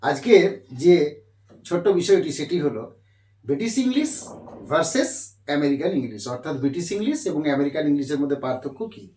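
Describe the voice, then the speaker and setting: A man teaching English vocabulary, speaking slowly, repeating himself and spelling words letter by letter. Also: a little high, very animated, dark tone. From India. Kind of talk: explaining lesson on a board. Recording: echoey room.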